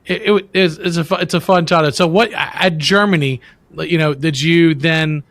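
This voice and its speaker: A man's voice: fairly high pitch, normal speed, fairly bright tone, no echo. A man, co-hosting a casual podcast interview in a chatty, friendly way with many restarts. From Louisiana, US. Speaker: podcast co-host.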